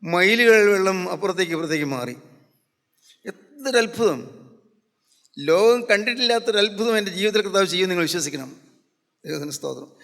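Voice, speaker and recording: A man's voice: high-pitched, lively intonation, fairly quick, pauses often, fairly bright tone. A man preaching a gospel sermon in a fervent, repetitive style. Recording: long hall reverb.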